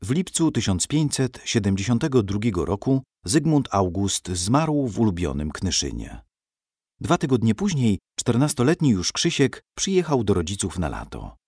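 A man giving an expressive, dramatic scripted narration of a historical story. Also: on the low side, moderate pace, slightly rough, dry recording, clean studio sound.

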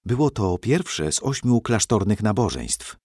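A man narrating a storybook in a measured, expressive reading. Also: on the low side, husky, no echo, clean studio sound.

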